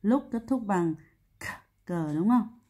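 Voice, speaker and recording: A woman's voice: mid-range voice, normal speed, mellow, breathy edge. A woman English teacher walking students through exam answers step by step, often checking their understanding with tag questions. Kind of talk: exam answer walkthrough lesson.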